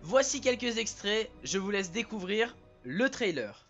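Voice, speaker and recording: A man's voice: high voice, sing-song, unhurried, muffled recording, over music. A man chatting casually to his viewers as he presents and reviews a TV series. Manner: chatty, addresses viewers directly.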